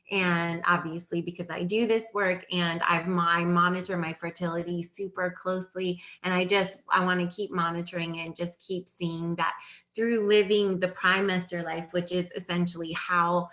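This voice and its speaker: Bright-voiced woman in her forties. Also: on the low side, little pitch movement, normal speed. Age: 40s. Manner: earnest, explanatory, thinks aloud with restarts. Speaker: host of a fertility Q&A. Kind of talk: live-streamed advice talk.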